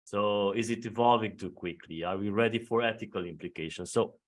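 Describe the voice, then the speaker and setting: A man's voice: on the low side, fairly quick. A man moderating a virtual panel discussion, chatty and full of fillers.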